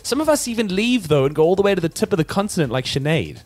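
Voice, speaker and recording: A man's voice: high voice, fast, no room sound. A man from South Africa hosting a travel show, talking straight to the viewer with energy. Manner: energetic, addresses the viewer directly. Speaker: host. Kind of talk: upbeat presenter links.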